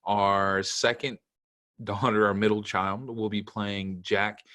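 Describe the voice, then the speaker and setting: A man's voice: fairly low pitch, little pitch movement, slow, pushed and bright. A man narrating a children's storybook aloud, in simple storytelling meant for kids. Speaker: camp executive director reading to children.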